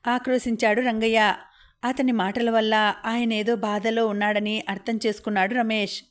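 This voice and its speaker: A woman reading a novel aloud as an audiobook narrator in a steady storytelling manner. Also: a little high, normal speed.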